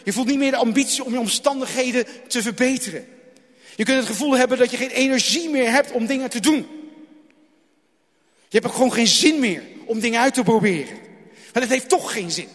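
Very high-voiced man preaching in a hall. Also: a little fast. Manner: dramatic, repeats phrases, swings between loud and hushed. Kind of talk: sermon. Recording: long hall reverb.

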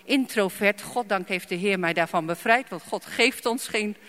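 A woman's voice: medium pitch, moderate pace, fairly bright tone. Emphatic woman preaching in a reverberant hall. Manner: emphatic, repeats phrases, asks the audience. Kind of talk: sermon with personal testimony.

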